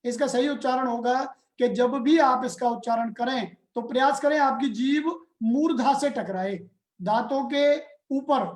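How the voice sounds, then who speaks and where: Slow, deliberate male grammar teacher. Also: very high-pitched, a little mellow. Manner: slow, deliberate explaining with questions to students. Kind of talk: classroom grammar lesson. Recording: roomy echoey room.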